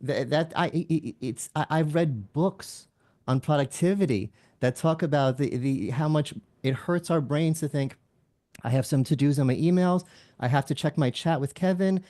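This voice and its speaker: A man on a tech analyst panel who talks with animated energy and acts out what others said. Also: on the high side, normal speed. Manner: animated, acts out quotes with rising excitement. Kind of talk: casual panel discussion.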